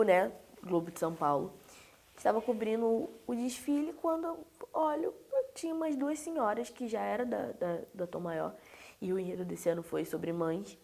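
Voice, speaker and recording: A woman hosting a casual chat, telling animated stories. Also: gravelly. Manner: animated storyteller, mimics people with loud high voices. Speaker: host.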